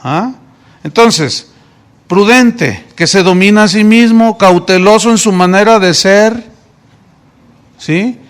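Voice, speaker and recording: Mexican male pastor, high voice, preaching and quizzing his congregation. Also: takes it slowly, long pauses, clear, resonant tone. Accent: Mexican Spanish. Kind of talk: sermon.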